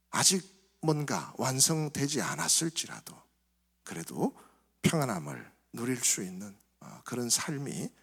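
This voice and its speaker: A male pastor giving a sermon in a reflective, soft-spoken way, his phrases trailing off quieter. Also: medium pitch, vocal fry, slightly rough. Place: church sanctuary. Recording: reverberant church hall.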